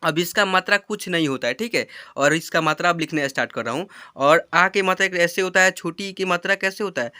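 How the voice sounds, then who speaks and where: A man teaching a handwriting lesson to children, patient and slow, checking in often. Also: high voice, sharp tone, clear, resonant tone, no room sound, clean studio sound. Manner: patient, repeats "ठीक है" as a check-in; slow, drawn-out dictation of letter pairs.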